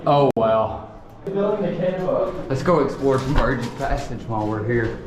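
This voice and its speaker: A man's voice: medium pitch, fairly even intonation, unhurried, very noisy. A man chatting casually as he guides others through a cave. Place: inside a cave. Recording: echoey cave, background chatter. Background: other cavers talking.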